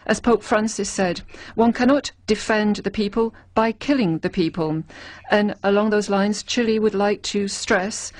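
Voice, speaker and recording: A woman speaking as a live interpreter, rendering a diplomat's speech in a slow, measured way. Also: medium pitch, darkish tone, no echo.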